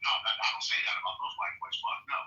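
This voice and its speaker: A man's voice: racing, pushed and bright, dull audio. A man in his forties from the United States, raised in Los Angeles, arguing aggressively and hurling insults in a heated livestream. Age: 40s. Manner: aggressive, insulting, repeats himself. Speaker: debate participant. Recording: echoey, distant, faint noise.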